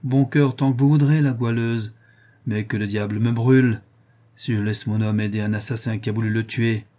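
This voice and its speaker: A man reading aloud and voicing a rough, outspoken working-class woman in an audiobook. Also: medium pitch, fairly even intonation, moderate pace, warm tone, lightly acted. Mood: blunt. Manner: gruff and outspoken.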